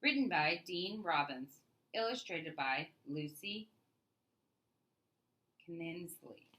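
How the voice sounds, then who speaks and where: Her voice is bright and crisp-edged, pitched a little low, as this woman reads a children's book aloud. She tells the story expressively with lively intonation, choosing her phrasing deliberately and stressing key words the way a storyteller does.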